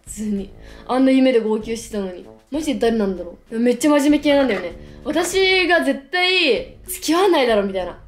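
A woman's voice: fairly high pitch, a little fast. Slangy young woman chatting in echoey room. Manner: chatty slangy young woman, lively storytelling with playful exaggeration. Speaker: vlogger. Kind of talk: casual chat to camera. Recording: echoey room with faint music. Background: faint background music.

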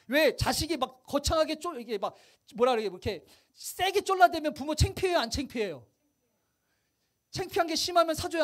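A male pastor giving a lively, conversational sermon in church, often putting rhetorical questions to the congregation. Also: very high voice. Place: church sanctuary.

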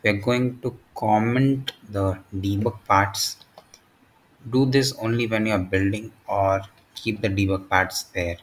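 A man's steady, fairly low voice guides listeners through a software program one step at a time. His delivery is very slow and broken into short, halting phrases, and a faint noise sits beneath it.

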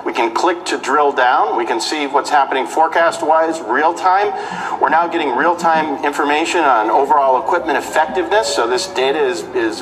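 A man's voice: a little high, background noise. A middle-aged man running a live technical demo on a conference stage, explaining each step in turn. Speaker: product demonstrator.

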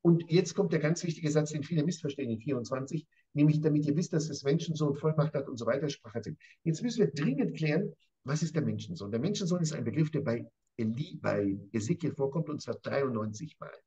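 Man, professor teaching, emphatic, slightly high voice, dull lo-fi recording. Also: animated, fast talker, dark tone, slightly rough. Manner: emphatic, repeats phrases, often addresses his interviewer by name. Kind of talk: animated conversational Bible lesson.

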